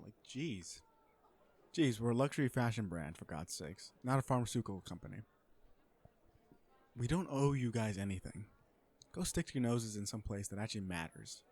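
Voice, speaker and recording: In this romantic comedy audio roleplay, the listener is on a blind date with a cocky, flirtatious businessman supervillain played by a man who speaks in a sardonic, chatty manner. His mid-range voice is a little mellow and close to everyday speech, at a moderate pace, carrying a smug, exasperated mood.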